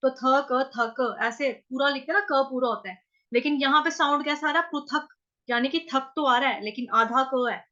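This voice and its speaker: High, bright-voiced North Indian woman teacher. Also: highs cut off. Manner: drills each syllable slowly and repeats it several times. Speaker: Sanskrit recitation teacher. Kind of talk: chanting lesson, syllable by syllable.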